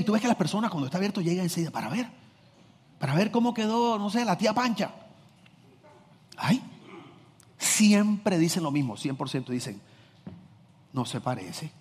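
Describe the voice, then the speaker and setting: Husky preacher man in a ringing hall. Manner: animated preaching, swings from loud emphasis to low asides, acts out anecdotes. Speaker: pastor. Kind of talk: sermon.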